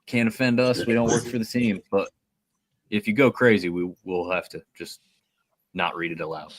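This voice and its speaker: A man co-hosting a casual hockey watch-party podcast, chatty and relaxed, explaining things at length. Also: fairly low pitch, normal speed, no echo. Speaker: podcast co-host.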